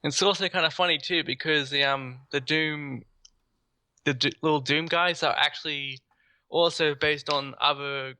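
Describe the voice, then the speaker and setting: A man's voice: on the high side, steady tone, moderate pace, pushed and bright, smooth, no echo. A man chatting enthusiastically as a gaming podcast host. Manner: enthusiastic, rambling. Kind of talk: casual gaming podcast chat.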